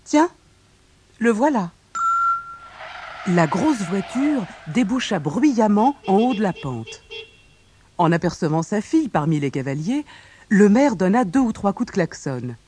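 A narrator reading a children's storybook aloud in a calm, steady way. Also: medium pitch, unhurried, a little hiss or hum. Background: faint music.

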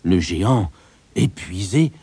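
A man narrating a fairy tale in a lively, expressive storytelling manner. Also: sits low, takes it slowly, vocal fry, slightly rough, dry recording. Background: soft background music.

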